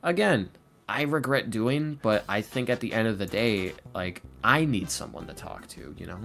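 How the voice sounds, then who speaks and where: Soft music sits behind a man whose lowish voice is gravelly, a bit bright and animated, moving at a moderate pace. He's a podcast guest who makes ASMR roleplay audio, chatting candidly and casually in an earnest, confiding, self-deprecating way.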